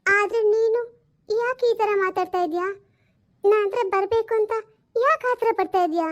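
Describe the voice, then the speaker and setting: A woman voicing the gentle, sorrowful ghost of a dead wife who speaks unseen, pleading slowly and tenderly. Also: very high voice, highs cut off. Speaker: spirit speaking unseen to her husband.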